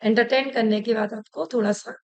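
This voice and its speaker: A woman's voice: a little high, fairly even intonation, moderate pace, darkish tone, highs cut off. A woman teacher giving an online class lecture, chatty, telling anecdotes and often restarting her sentences.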